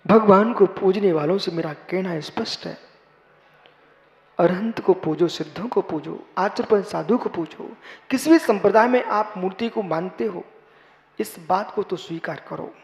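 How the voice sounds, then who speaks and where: High-voiced monk preaching in an echoing hall. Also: male voice, a little slow, vocal fry. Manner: repeats phrases, swelling to loud emphatic exhortation. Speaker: Jain monk. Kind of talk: sermon. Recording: reverberant hall.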